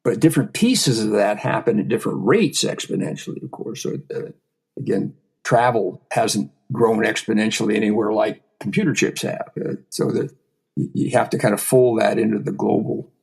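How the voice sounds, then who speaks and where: A man being interviewed as an astrophysicist, answering in a thoughtful, halting way with many restarts. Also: on the low side, vocal fry, a little mellow. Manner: hesitant, with frequent restarts and repeated words. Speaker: guest, astrophysicist.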